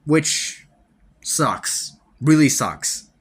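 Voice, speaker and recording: A slightly high-voiced man talks through a game review on his own podcast, his pitch swinging widely as he goes. He rambles, restarts his sentences often and swears casually, with wry laughs between points. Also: animated, very slow, husky. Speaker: podcast host.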